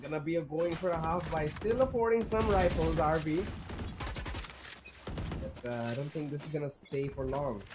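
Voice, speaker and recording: A man casting a live video game match as play-by-play commentator, talking fast and excitable. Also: fairly high pitch. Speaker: esports caster. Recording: noisy live game audio behind. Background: game sound effects and callouts.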